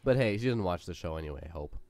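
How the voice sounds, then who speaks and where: Joking low-voiced man co-hosting. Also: rapid-fire. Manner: animated, jokey, laughs often. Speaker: podcast co-host. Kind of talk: casual chat.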